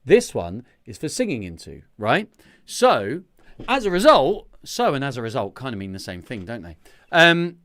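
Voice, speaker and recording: Hosting a singing group livestream from home, this man talks to viewers through a talking mic set beside a separate vocal mic. He's rambling, jokey and self-deprecating. His medium-pitched, fairly bright voice swoops wildly in pitch at a normal speed.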